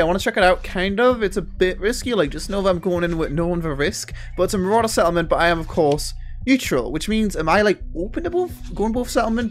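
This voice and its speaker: A male streamer with a slightly raised pitch chatters casually over his gameplay. He rambles, swears freely and keeps a laid-back tone, speaking into a headset mic from his home gaming room. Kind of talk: casual let's-play commentary.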